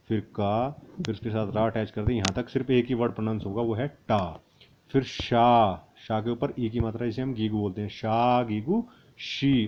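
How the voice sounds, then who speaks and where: Man slowly spelling out syllables. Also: fairly low pitch, muffled recording, slight background noise. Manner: spells syllables out slowly, then repeats the word. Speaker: language teacher. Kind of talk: spoken grammar lesson.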